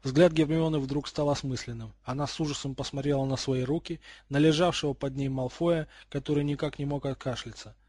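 A man narrating a storybook with a steady, expressive reading. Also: medium pitch, brisk, few pauses, no echo, studio quality. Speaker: audiobook reader.

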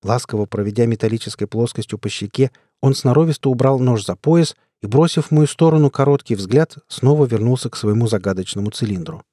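A man narrates an audiobook in the first person, keeping a steady storytelling pace. His voice is dark and mellow with a husky edge, and the recording is dry and close. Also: mid-range voice, a little fast, few pauses, no room sound. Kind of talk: scripted narration.

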